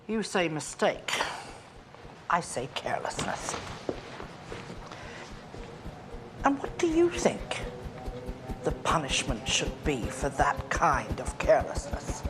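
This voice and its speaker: An actress playing a stern female school principal who scolds slowly in a clipped, icy manner, in a TV drama with music underneath. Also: low voice, huge pitch swings, full character voice, rough recording. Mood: scolding. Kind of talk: TV teen drama acting.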